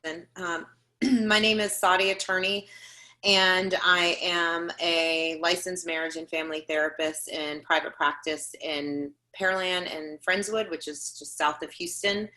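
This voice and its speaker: A woman from Maryland introduces herself conversationally, with a bright, forward tone. Her pitch sits a little low. She explains her background in a relaxed way. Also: measured pace. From Maryland, USA. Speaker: marriage and family therapist. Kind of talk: panel introduction.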